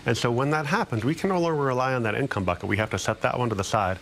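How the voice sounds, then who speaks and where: A man speaking as a financial planner guest, explaining and pitching in an informal, plain-spoken, conversational way. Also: racing, a bit bright, a little hiss or hum.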